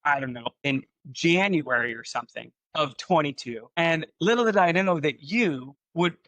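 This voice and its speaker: A man's voice: on the high side, expressive, normal speed, a bit bright, no room sound, poor audio. A man hosting a casual podcast interview, teasing his guest and rambling with restarts. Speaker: podcast host, company CEO.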